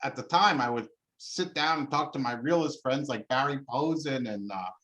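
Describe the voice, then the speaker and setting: A man answering interview questions, explaining at length in a lively, animated way with frequent fillers and restarts. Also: medium pitch, moderate pace, poor audio. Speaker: interviewed scholar.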